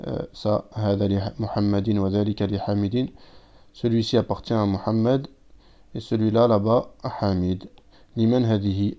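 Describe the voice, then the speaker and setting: A man teaching a recorded language lesson, patiently explaining step by step and reading out words with their translations. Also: on the low side. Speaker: Arabic teacher. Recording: dull lo-fi sound.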